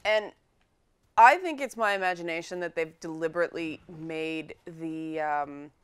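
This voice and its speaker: Playing a video game, a young woman presents chatty, playful let's-play commentary and cheers her pets on. She speaks at a moderate pace in a low-pitched, clear, resonant voice.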